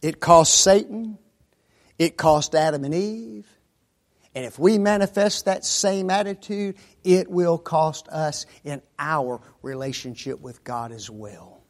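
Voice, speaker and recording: A male preacher delivering a sermon, asking the congregation rhetorical questions and quoting scripture in old-style wording, moving from quiet asides to loud shouted emphasis. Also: fairly high pitch, slow pace.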